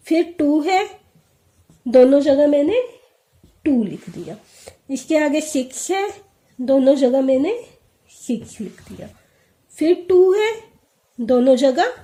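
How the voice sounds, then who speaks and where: A woman's voice: sits high, mellow. A woman teaching a math lesson, explaining step by step and asking questions that she answers herself. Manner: explains step by step, often asks and answers her own questions. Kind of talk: classroom math lesson for children.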